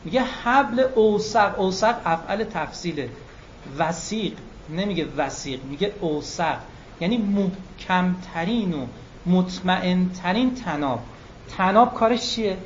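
A preacher with a high-pitched voice gives an animated religious lecture, slowing down and drawing out key words for emphasis. The recording sounds dull and lo-fi, with a faint hum of room noise in the background.

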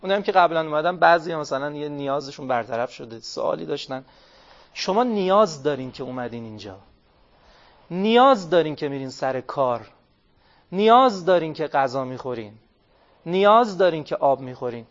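In an interactive religious talk, a man poses questions to his listeners, answers them himself and stretches out key phrases slowly. His voice is fairly high and expressive, captured in a dull lo-fi recording.

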